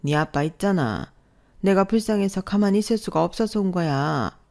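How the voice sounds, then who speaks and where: A woman's voice: mid-range voice, animated, normal speed, mellow, natural voice. A woman voicing a pushy middle-aged aunt who pleads and reproaches insistently, in a storytelling radio drama. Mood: reproachful. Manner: insistent, reproachful guilt-tripping.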